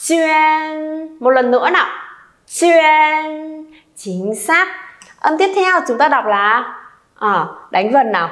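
A woman's voice: on the high side, lively intonation, a little slow, fairly bright tone. A Vietnamese woman teaching a language class, leading students through pronunciation drills and encouraging them to repeat aloud. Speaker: Chinese teacher.

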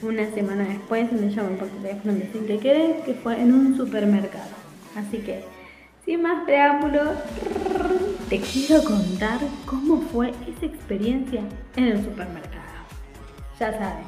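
An animated woman in her forties with an Argentine Spanish accent talks straight to her webcam, chatting as if to friends. Her voice sits a little on the high side. The room is echoey, and soft music plays faintly behind her. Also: normal speed. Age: 40s. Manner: animated, chatty, gestures a lot with her hands. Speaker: vlogger. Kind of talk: casual storytelling to camera. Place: small room at home by a window, indoors.

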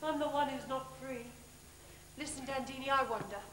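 A young English actress playing a genial, restless young prince in a stage pantomime, projecting every word in a declamatory style. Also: female voice, sits high, moderate pace, fairly bright tone. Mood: wistful. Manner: declamatory, carefully enunciated. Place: large theatre stage, far camera. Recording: echoey, noisy theatre videotape.

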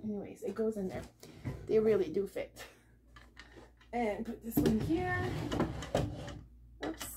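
A woman's voice: a little high, very animated, slow, long pauses, noisy background. A middle-aged woman chatting to the camera at home about her thrift and yard sale finds, rambling with many fillers. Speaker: vlogger showing a thrift haul. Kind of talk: casual chat to camera. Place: living room at home, indoors. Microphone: camera on a table nearby.

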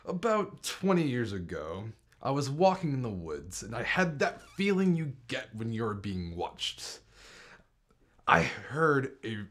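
A young man playing a pensive Bigfoot eyewitness in a mock documentary interview, speaking gravely and dramatically. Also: mid-range voice, very animated, measured pace, a bit bright. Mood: grave, suspenseful. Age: young adult. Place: home office, indoors.

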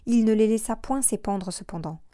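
In clean studio sound free of any room sound, a woman with a mid-range voice delivers scripted audiobook narration. She reads in a measured, expressive manner.

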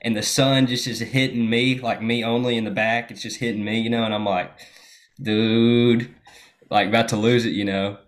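A man's voice: fairly low pitch, fairly quick, few pauses. A young American man casually telling a story with lots of fillers. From United States. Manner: relaxed storytelling with many fillers. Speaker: guest. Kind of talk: casual chat.

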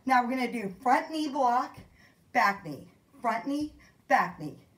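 Breathless, upbeat woman fitness instructor. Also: on the high side. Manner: upbeat, counts out moves, calls encouragement. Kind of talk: workout class instruction. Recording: echoey room.

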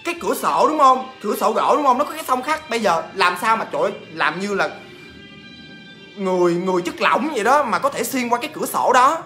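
A man telling a ghost story in a chatty, animated way, talking straight to his listeners. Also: high-pitched, quick pace, faint music behind.

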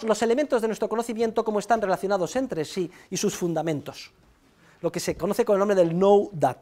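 A middle-aged economics professor from Spain, with a Spanish accent and an extremely high-pitched voice, gives a university lecture in a classroom. He is lively, repeats key points, and tags his phrases with a questioning "eh".

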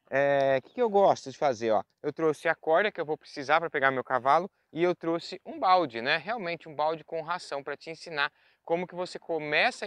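A man's voice: on the high side, fairly bright tone, dry recording. A Brazilian man teaching horse handling in a pasture outdoors, chatty and talking straight to viewers with lots of tag questions. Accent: Brazilian Portuguese. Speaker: horse trainer. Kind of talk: outdoor instructional talk.

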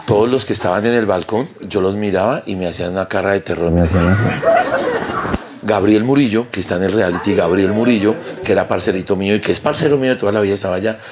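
A young man with a Colombian accent, a comedian telling a crude, animated anecdote and laughing as he goes. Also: lowish voice, fast, very noisy. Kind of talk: comic storytelling.

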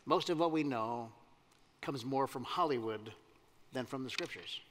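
A man's voice: medium pitch, a little slow, a bit bright, slight background noise. A man preaching a sermon as pastor, talking conversationally and putting questions to the congregation. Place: church sanctuary. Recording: long hall reverb.

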